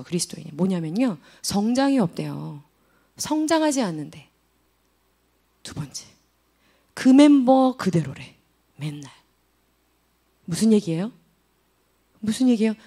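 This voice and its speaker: A woman in her thirties preaching a sermon to teenagers in a church service, animated and full of questions to the students. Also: a little high. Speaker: youth ministry preacher.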